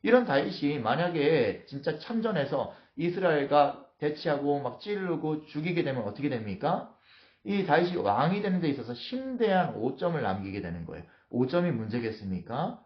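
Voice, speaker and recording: A man's voice: on the high side, moderate pace. Male pastor, vivid storytelling sermon. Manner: animated storytelling, acting out scenes. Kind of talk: morning devotional sermon. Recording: roomy, dull lo-fi sound.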